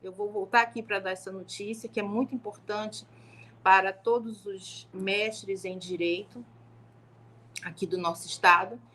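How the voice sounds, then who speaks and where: A woman's voice: medium pitch, steady tone, unhurried, fairly bright tone, a little hiss or hum. Middle-aged woman, carioca accent, law professor, chatty live-stream testimony with restarts. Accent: Rio de Janeiro (carioca), softened by years in Manaus. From Rio de Janeiro, Brazil. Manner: conversational, many fillers and restarts. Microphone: home live stream.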